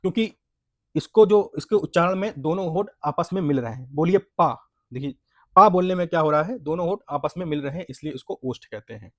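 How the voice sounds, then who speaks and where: A man teaching an exam-prep language lesson, sounding out syllables slowly and asking and answering his own questions. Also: on the high side, lively intonation, a bit bright, no room sound, clean studio sound. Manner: repeats points, asks and answers own questions, says "friends" often; spells out syllables slowly for practice.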